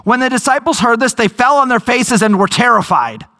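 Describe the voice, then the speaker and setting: A male pastor delivering a sermon in a very high, bright voice. He speaks slowly, leaning hard on key words and stretching them out. His delivery swings widely in pitch as he tells the story. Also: lively intonation. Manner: emphatic, storytelling preacher, slows for key phrases.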